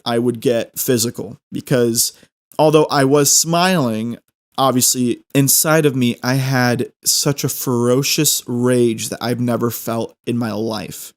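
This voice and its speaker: A man with a mid-pitched voice tells a story in a casual style. He rambles and circles back on his words, with a self-deprecating streak.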